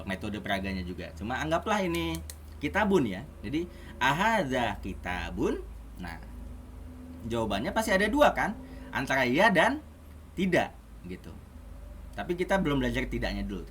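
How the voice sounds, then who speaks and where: A man's voice: medium pitch, fairly bright tone, slight background noise. A man teaching an online Arabic class in a casual, chatty way, often asking his students questions.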